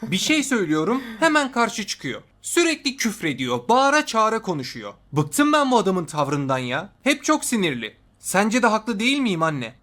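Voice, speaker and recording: A man's voice: high voice, big pitch swings, normal speed, hardly any pauses, fairly bright tone, a little hiss or hum. A man voicing a whiny, put-upon son in a Turkish comedy cartoon, complaining as he talks. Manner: whining, complaining. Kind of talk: comedy animation sketch.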